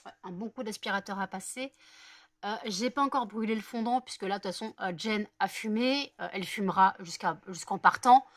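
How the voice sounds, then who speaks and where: A woman talks casually through a home vlog, rambling and correcting herself as she goes. Her voice sits at an ordinary pitch. The recording is close and dry, with no room sound. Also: brisk, a bit bright, no room sound. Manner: rambling, many fillers and self-corrections. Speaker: vlogger. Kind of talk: casual daily vlog chat.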